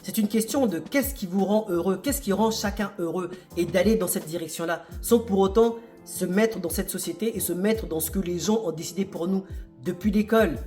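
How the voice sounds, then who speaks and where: A man's voice: high-pitched, normal speed, dark tone, soft background music. A man giving an emphatic motivational monologue to camera, asking the viewer rhetorical questions. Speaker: real estate investor and video host.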